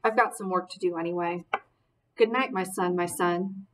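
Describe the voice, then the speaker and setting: Woman reading as a gentle, reassuring father. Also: lowish voice, normal speed, a little hiss or hum, close to an everyday voice. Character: gentle loving middle-aged father. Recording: voice distant from mic.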